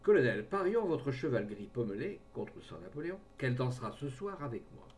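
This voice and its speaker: A man's voice: mid-range voice, big pitch swings, brisk, darkish tone, lightly acted. A man reading aloud voices a smug young dandy baron who teases with easy self-assurance. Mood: mocking.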